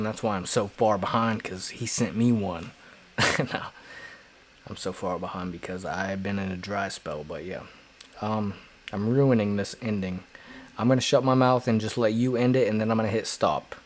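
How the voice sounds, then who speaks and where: Lowish guy hosting a live stream, joking around, bit of hiss. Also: moderate pace. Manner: rambling, joking, self-deprecating. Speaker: livestream host. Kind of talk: casual chat.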